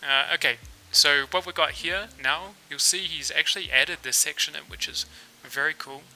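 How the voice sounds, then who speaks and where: A Kiwi man with a slightly high voice hosts a casual live coding session at a moderate pace. Relaxed, he talks through his work with plenty of filler words, captured on a low-quality recording.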